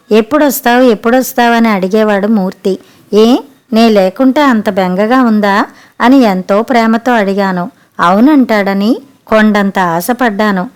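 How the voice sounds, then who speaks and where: A woman voicing a married mother who is gentle and resigned, speaking softly and patiently in a storybook reading. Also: mid-range voice, smooth, close to an everyday voice. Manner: soft, patient.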